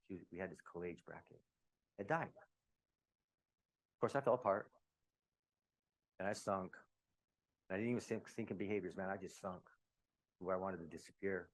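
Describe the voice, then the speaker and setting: A man giving a personal testimony talk as a guest speaker, telling his story conversationally, dropping low and quiet and then breaking into loud outbursts. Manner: conversational, uses slang like "man".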